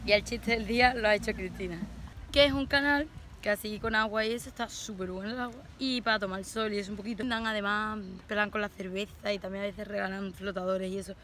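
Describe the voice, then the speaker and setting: A woman's voice: medium pitch, steady tone, quick pace, a bit bright, a little hiss or hum. A young woman with an accent from Spain chatting casually and informally to camera in a vlog, using plenty of slang. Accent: Spanish from Spain. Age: young adult. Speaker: vlogger. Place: car and outdoor festival campsite. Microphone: phone or camera at arm's length.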